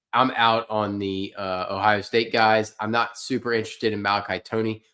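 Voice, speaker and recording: A man's voice: on the low side, a bit bright. A man hosting a casual fantasy sports livestream, talking loosely and bluntly and answering his chat, a little tired and yawning. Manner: loose, opinionated, talks to chat.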